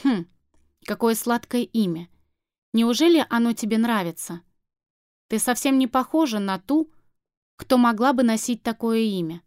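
A grim, stubborn man with a shaved head, read by a woman narrator in her own fairly high voice. He talks flatly, firmly and bluntly. The recording is dry and close. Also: moderate pace, pauses often, clear, resonant tone, dry recording, natural voice. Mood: musing. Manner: flat, firm and blunt. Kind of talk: audiobook character reading.

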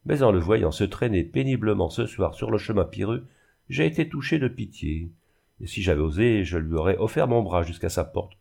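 A man reading a gentle young woman, softly pleading. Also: fairly low pitch, animated, moderate pace, creaky. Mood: tender. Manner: pleading, emotional. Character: young woman, gentle and tender-hearted orphan niece.

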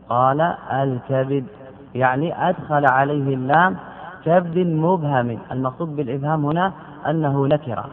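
A man giving a classical Arabic grammar lesson, drilling word forms by repeating them slowly and putting questions to his students. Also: mid-range voice. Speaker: grammar teacher. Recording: tinny phone-like lecture recording.

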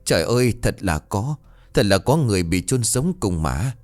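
A man's voice: on the low side, big pitch swings, normal speed, a little mellow, faint music behind. Man voicing a panicked older wife. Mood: alarmed. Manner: alarmed, wailing.

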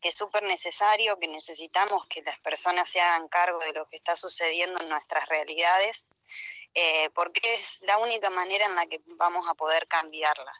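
A woman's voice: on the low side, steady tone, moderate pace, sharp tone, no echo. A woman guest from a community garden project, speaking earnestly on a radio interview and searching for words with fillers. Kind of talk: radio interview over a call.

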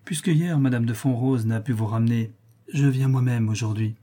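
A man voicing a stern older baron, a father speaking in a measured, cold way. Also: medium pitch, dark tone, lightly acted.

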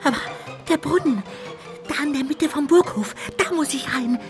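A woman playing a plucky, childlike, cheeky little ghost in a children's radio play, excitable and talking to itself. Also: high voice, moderate pace, music in the background, lightly acted. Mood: alarmed.

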